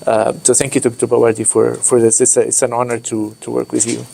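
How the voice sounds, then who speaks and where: Egyptian-born man giving a halting talk. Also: mid-range voice, flat delivery, creaky, mellow. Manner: hesitant, many fillers and restarts. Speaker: director of a university study center. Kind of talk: informal talk to visiting students.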